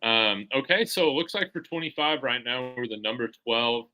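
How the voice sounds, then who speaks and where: A man hosts a casual sports talk show and eagerly draws out his guest with questions. His voice is very bright and forceful. It sits at a middle pitch. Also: animated, normal speed, muffled recording. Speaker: show host.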